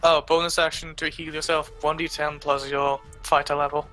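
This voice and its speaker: Bright, higher-voiced man player. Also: level tone, moderate pace, faint music behind.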